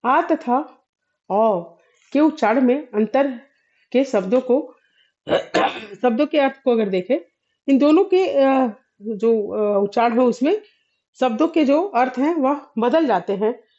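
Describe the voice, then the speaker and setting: A woman with a fairly high yet mellow voice teaches a Hindi grammar lesson. She explains slowly, pausing and filling gaps, and often clears her throat. The recording sounds dull and lo-fi. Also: expressive. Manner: explains slowly with many fillers and pauses.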